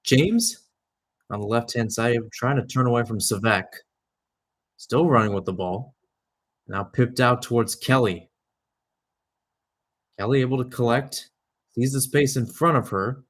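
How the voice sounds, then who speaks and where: A young man with a mid-range voice does live radio-style soccer commentary, speaking a little slowly and pausing often. As the play-by-play caller, he shifts from following the action to discussing it conversationally.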